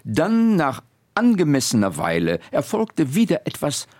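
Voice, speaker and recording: A man reading a story aloud for radio in a lively storytelling manner. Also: fairly high pitch, unhurried, no room sound, clean studio sound. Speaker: radio presenter and reader.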